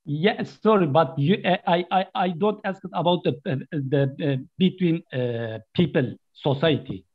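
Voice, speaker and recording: A man with a somewhat raised voice gropes for words in English, his second language, pausing often between fillers. His audio sounds dull and lo-fi over a call. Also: a little high, slightly rough. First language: not English. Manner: halting, hesitant, many fillers. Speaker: panelist asking questions.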